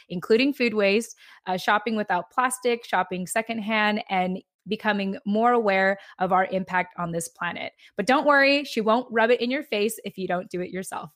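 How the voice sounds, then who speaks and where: A woman's voice: mid-range voice, dry recording, clean studio sound. Upbeat, chatty woman host in her thirties, casual interview tone. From United States. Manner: upbeat, chatty, lots of restarts and "like". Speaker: podcast host.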